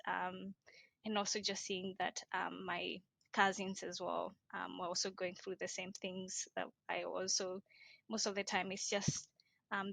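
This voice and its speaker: A woman's voice: mid-range voice, vocal fry, a bit bright, no room sound. A young woman from Kenya, a guest in an interview, talking casually with frequent hesitations. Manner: hesitant, many ums. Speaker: guest, social entrepreneur.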